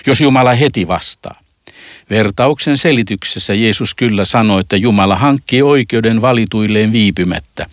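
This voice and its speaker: Low-voiced Finnish-speaking preacher, dry sound. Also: male voice, no room sound. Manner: slow, earnest reading of quoted verses. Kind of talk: sermon on scripture.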